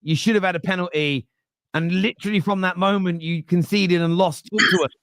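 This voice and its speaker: A man's voice: high voice, steady tone, a little fast, fairly bright tone, no room sound, studio quality. A man in his late thirties hosting a live football fan podcast, chatty and joking. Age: 30s. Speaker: podcast host.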